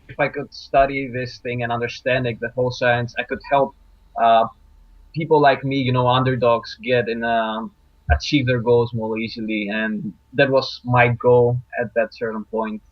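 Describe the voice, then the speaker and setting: A young man from Greece, a guest in an interview, talking in a relaxed, reflective way with many fillers. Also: medium pitch, normal speed, no echo. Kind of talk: casual interview talk. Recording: dry, dull lo-fi line.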